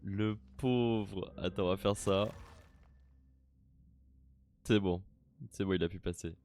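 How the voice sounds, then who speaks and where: A man's voice: sits low, flat delivery, measured pace, darkish tone. A man streaming a horror game, chatting casually, talking to the characters on screen and swearing now and then.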